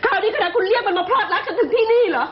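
A jealous, tipsy young wife, hurls sarcastic accusations at her husband in a very high, swooping voice. She breaks into tearful anger. The TV-drama audio is dull and lo-fi, with a music score underneath. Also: lively intonation, very fast. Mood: accusing. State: tipsy from drinking.

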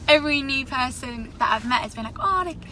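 A woman's voice: high-pitched, steady tone, brisk, crowd noise. A young woman from the UK with a British accent, talking hesitantly as a passenger in a car. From United Kingdom. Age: young adult. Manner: hesitant, soft-spoken. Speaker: student, rideshare passenger. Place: inside a car.

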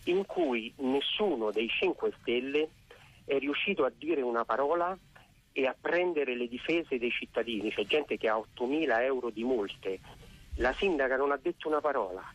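Husky man, radio show caller by phone. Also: mid-range voice, expressive, normal speed. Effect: phone-line voice on a radio call-in. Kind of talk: call-in question on air.

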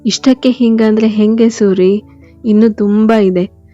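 A woman voicing a playful, emotional young wife who turns excitable and mock-angry. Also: medium pitch, unhurried, close to an everyday voice. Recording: dull lo-fi, faint music behind.

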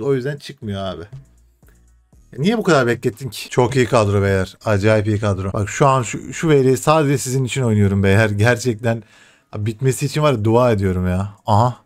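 Young male streamer, excitable play-by-play of his own match, mid pitch, faint music bed. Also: moderate pace. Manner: excitable, swears and shouts at the game. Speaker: gaming streamer. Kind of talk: live gameplay commentary.

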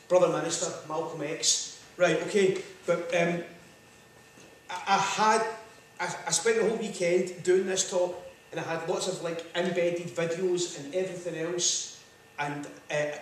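Speaking from a podium in a big lecture hall, this guest lecturer from Scotland keeps his public talk chatty and full of jokes, often dropping "right, okay." His voice runs a little high. The distant camera captures an echoey room and a faint hiss or hum.

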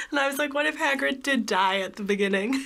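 Woman, casual reaction chat, slightly high, bright tone. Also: vocal fry.

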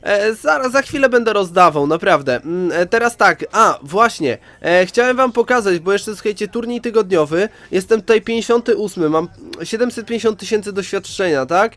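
Congested and nasal from a head cold, a man hosts casual gaming commentary and addresses viewers directly in a chatty way. His voice is high, expressive and fairly bright, at normal speed with few pauses and no echo.

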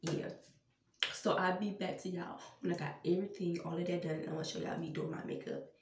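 A young woman talks fairly quickly in a lowish, steady voice against a noisy background, her nose congested. Getting ready for Halloween, she chats with her viewers and calls them y'all in a casual makeup vlog. A distant camera mic on a stand a few feet away captures the echo of the small tiled bathroom.

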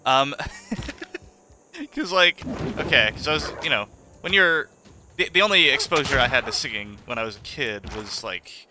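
A man's voice: mid-range voice, lively intonation, measured pace, noisy background. A young man co-hosting a podcast in casual chat, rambling and laughing often, with casual swearing. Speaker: podcast co-host.

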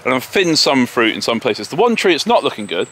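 A man's voice: mid-range voice, big pitch swings, a little fast, fairly bright tone, slight background noise. A man with an English accent giving a casual, chatty walking tour of his homestead outdoors, often poking fun at himself. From England. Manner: chatty and self-deprecating. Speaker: homesteader vlogger. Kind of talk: casual walk-and-talk tour. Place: outdoors in a garden and orchard. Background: distant tractors and farm vehicles.

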